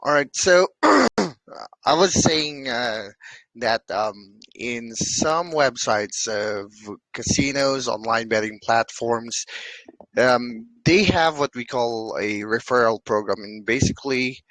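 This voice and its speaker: A man hosting a community interview and asking questions in a deliberate way. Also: medium pitch, a bit bright, rough recording. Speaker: AMA host.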